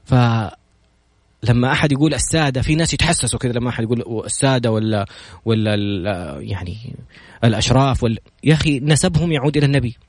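A male podcast host talks at a quick clip, chatty and lively. His voice sits at an ordinary pitch. The sound is close and dry, with no room echo. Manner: opens with recited prayers, then brisk storytelling; lively and chatty, jokes with the guest. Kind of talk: casual talk show introducing a guest.

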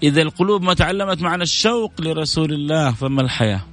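A man's voice: a little high, expressive, racing, fairly bright tone, soft background music. A middle-aged man preaching a sermon with fervor, repeating exclamations with rising emotion.

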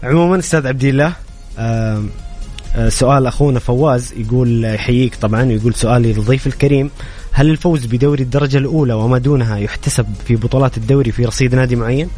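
Very fast-talking male radio host. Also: medium pitch, mellow, faint music behind. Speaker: radio sports show host. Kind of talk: conversational interview hosting.

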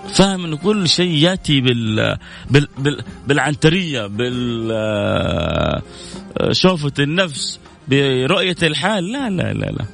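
A man's voice: mid-range voice, very animated, normal speed, gravelly, fairly bright tone, soft background music. A man hosting a radio call-in show, giving earnest family advice and reading out listener messages.

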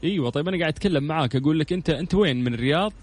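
A man hosting a live call-in radio show, greeting listeners and chatting with callers. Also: on the high side. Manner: warm greetings, quick lively banter with callers. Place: radio studio.

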